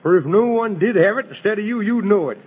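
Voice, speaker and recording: A man's voice: high-pitched, fast talker, husky. An actor playing a fussy, scatterbrained, whimsical old Man in the Moon in a children's radio fantasy, stammering and repeating himself as he scolds. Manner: stammering, repetitive, muddled, comically scolding. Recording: muffled, tinny vintage radio recording.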